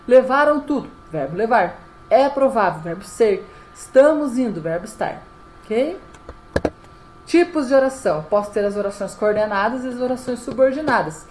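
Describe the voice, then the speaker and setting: A woman's voice: on the high side, animated, moderate pace, a little mellow, a little hiss or hum, low-quality recording. Woman teaching a grammar lesson. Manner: explanatory, frequent "tá?" check-ins. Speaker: Portuguese teacher.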